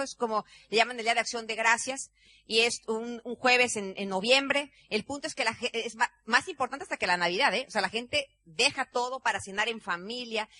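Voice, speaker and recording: A middle-aged woman tells a story on stage at a business seminar, acting out voices and often shouting. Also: a little high, dry recording. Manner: animated, acts out quotes, often shouts. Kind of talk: motivational storytelling talk.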